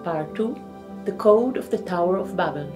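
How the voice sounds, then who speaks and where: A woman's voice: on the low side, expressive, normal speed. Woman lecturing over music. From Israel. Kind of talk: scripted lecture narration.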